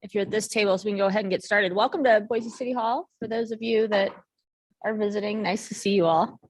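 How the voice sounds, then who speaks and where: A woman's voice: medium pitch, fairly even intonation, quick pace. A woman mayor chairing a joint public meeting in a city hall meeting room, in a conversational way with frequent ums.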